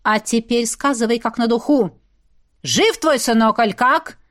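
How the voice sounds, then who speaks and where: A woman reading an audiobook voices a stern, bossy old man who heads a village, speaking gruffly and giving orders. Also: fairly high pitch, measured pace, a bit bright. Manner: gruff, commanding.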